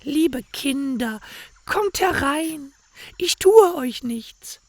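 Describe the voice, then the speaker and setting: A man voicing a wicked old female witch, in a high sneering falsetto with slow, drawn-out words. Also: expressive, dry recording, exaggerated voice. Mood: sweetly luring.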